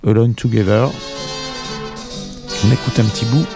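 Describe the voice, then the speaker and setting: A man presenting a relaxed, conversational radio music segment as columnist. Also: lowish voice, normal speed. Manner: relaxed, conversational, ends phrases with tag words. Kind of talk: radio music segment, casual studio chat.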